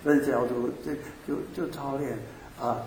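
A man leading a Bible study, giving group instructions in a halting way full of restarts and checks. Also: mid-range voice, steady tone, a little mellow. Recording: echoey hall, far from the mic, noisy.

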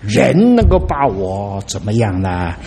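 A middle-aged pastor preaches a sermon in a fairly low voice at an unhurried pace, his delivery animated and punctuated by dramatic exclamations.

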